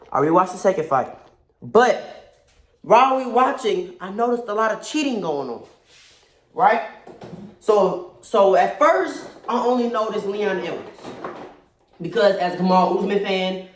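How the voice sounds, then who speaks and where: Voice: mid-range voice, a little hiss or hum. A person giving casual, opinionated fight analysis, stressing and repeating points, recorded in a very echoey space away from the mic. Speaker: combat sports commentator. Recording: very echoey room, distant mic.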